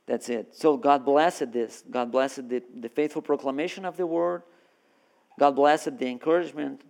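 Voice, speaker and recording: A man's voice: mid-range voice, creaky, a little mellow. A man from Brazil preaching a sermon as a guest, earnest and full of restarts and repeated words. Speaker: guest preacher and seminary worker.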